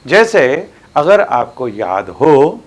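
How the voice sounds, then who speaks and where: A man's voice: mid-range voice, very animated, extremely slow. An older man with an Indian accent teaching a classroom maths lesson, explaining patiently with emphatic stresses.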